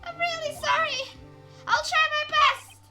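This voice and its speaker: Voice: very high voice, steady tone, unhurried, music in the background, pitched above the performer's own voice. A player voicing an eager young female spirit medium who talks in an apologetic, earnest way.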